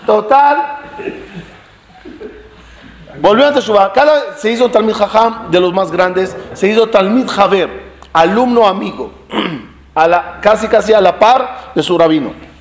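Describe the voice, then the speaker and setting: A man's voice: sits high, unhurried. A man teaching a Talmud class to a live group, telling stories with many rhetorical questions, joking with his listeners and mixing in Hebrew study terms. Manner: animated storytelling with rhetorical questions; jokes with the listeners. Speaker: Torah teacher.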